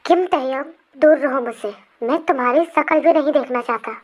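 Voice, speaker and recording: A woman's voice: high-pitched, moderate pace, a little mellow, voice pushed down, natural voice. A woman voicing a young man who coldly threatens and rejects his former lover, in a fan storybook reading. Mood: accusing. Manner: cold, threatening.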